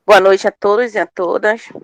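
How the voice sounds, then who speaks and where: A woman's voice: mid-range voice, fairly even intonation, normal speed, no echo. A woman from Pará, a family farmer introducing herself in an online class, speaking earnestly and hopefully and often repeating words. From Pará, Brazil. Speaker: course participant, family farmer.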